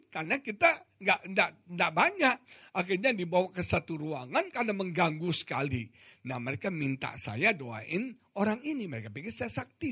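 An older man, a pastor, preaching an animated sermon full of storytelling, often turning to address his congregation. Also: high voice, breathy edge.

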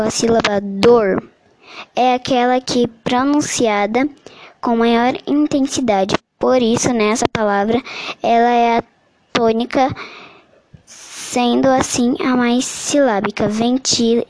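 A woman reading a Portuguese grammar summary aloud as a lesson, halting often and correcting her own slips. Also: a little high, low-quality recording. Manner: slow, halting reading with restarts and self-corrections. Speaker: teacher reading a study summary.

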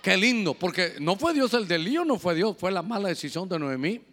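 Pastor guy preaching, high voice, fervent then chatty with the church. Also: big pitch swings, a little fast, a bit bright, big-room sound. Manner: impassioned preaching mixed with chatty asides to the congregation. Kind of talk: sermon.

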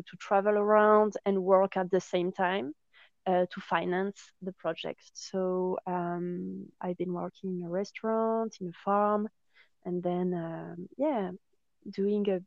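Chatting casually as an interview guest about her job, a young woman from France speaks with a French accent, hesitating often with plenty of fillers and restarts. Her medium-pitched voice has vocal fry, and the recording is dull and lo-fi with no room sound.

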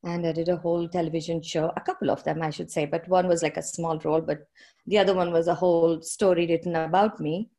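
Speaking fast in a flat, dark-toned, lowish voice, an Indian woman filmmaker gives a relaxed conversational interview. She talks chattily, with many fillers and small laughs between remarks.

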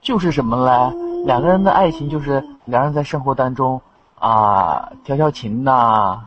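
A man's voice: mid-range voice, moderate pace, noisy background. A young man chatting casually as a caller in an online voice chat. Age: young adult. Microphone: online voice chat microphone. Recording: dull, lo-fi voice-chat line.

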